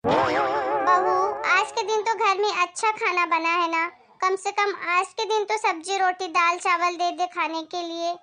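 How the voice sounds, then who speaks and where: A woman voicing a gentle elderly grandmother in a comedy family skit, speaking softly and slowly. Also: very high voice, steady tone, soft background music, full character voice. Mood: pleading. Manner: soft, slow and pleading. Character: elderly grandmother, meek and gentle mother-in-law.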